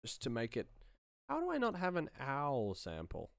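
A man in his thirties, a sound designer streaming his work, mutters laid-back, casual commentary into a close studio microphone in a small indoor room. His medium-pitched voice is gravelly with wildly swooping pitch, at a moderate pace, and there is no echo.

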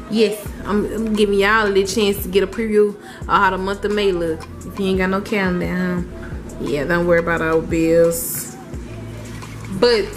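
Chatty woman cooking, slow, over music. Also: mid-range voice. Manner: chatty, talks straight to viewers while cooking. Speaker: vlogger. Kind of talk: casual cooking vlog. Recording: loud music behind her voice.

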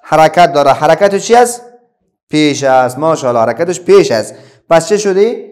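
A man's voice: on the high side, expressive, a little mellow. A middle-aged man with an Afghan Dari accent teaching a children's reading lesson, patiently asking questions and then answering them himself.

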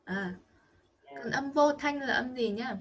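On a lo-fi recording, a woman with a Vietnamese accent speaks slowly in a high voice with a breathy edge. She is teaching English pronunciation to a child online, patiently coaching and repeating model sounds many times.

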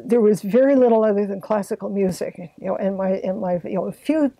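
Brief: older Canadian woman, interview guest, mellow dry voice, hedging and restarting often. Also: mid-range voice, fairly quick, gravelly, dry recording, low-quality recording. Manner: hesitant, many fillers and restarts. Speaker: guest, arts health board secretary. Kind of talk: casual interview talk.

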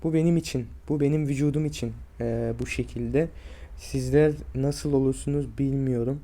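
Give me a sick, drained man in his twenties vlogging about his health, with a very dark, muffled tone and a weak, strained, halting voice. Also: mid-range voice, fairly even intonation. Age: 20s. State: sick and drained with fever and aches. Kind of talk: personal health vlog, speaking to viewers.

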